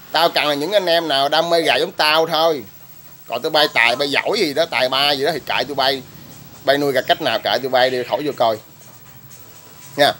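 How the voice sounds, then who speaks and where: A man's voice: mid-range voice, noisy background. Blunt-talking man with roosters crowing. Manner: rough, blunt, ranting then explaining. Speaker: chicken-raising vlogger. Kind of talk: casual vlog talk.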